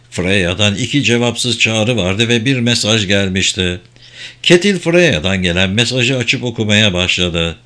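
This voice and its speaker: A man reading a crime novel aloud as a steady, even audiobook narrator. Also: mid-range voice. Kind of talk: scripted narration.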